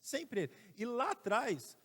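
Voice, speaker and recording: A high-pitched Brazilian man preaches a sermon with strong emphasis, stopping to have the congregation repeat lines back to him. His voice rings out with a long reverb from the church hall around him. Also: very animated, unhurried, fairly bright tone. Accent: Brazilian Portuguese. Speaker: pastor. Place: church sanctuary.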